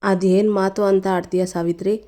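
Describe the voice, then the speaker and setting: A firm, reassuring household matriarch, as a woman narrator puts her on, speaking low and mellow with an even melody. She sounds steady and in control of the family. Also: normal speed, close to an everyday voice. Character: calm elder sister-in-law, firm and reassuring.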